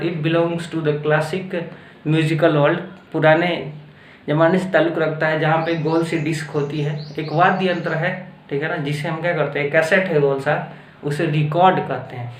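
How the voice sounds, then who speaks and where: A man with an Indian accent teaching an English grammar lesson, explaining slowly and deliberately and checking in often with his students. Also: fairly high pitch, fairly even intonation. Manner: slow, deliberate explaining with frequent checks like "okay?". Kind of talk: classroom-style grammar lesson mixing Hindi and English. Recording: roomy echo with faint background noise.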